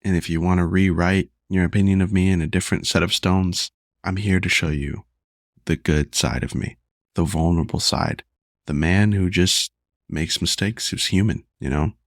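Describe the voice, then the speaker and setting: A man's voice: low voice, fairly even intonation, normal speed, dry recording, clean studio sound. A man hosting a solo podcast, talking in an earnest, confessional way while losing his voice and feeling unwell. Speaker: podcast host.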